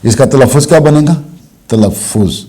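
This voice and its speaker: A man teaching a language lesson, explaining slowly and asking questions he answers himself. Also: medium pitch, mellow. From Pakistan. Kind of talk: classroom lesson.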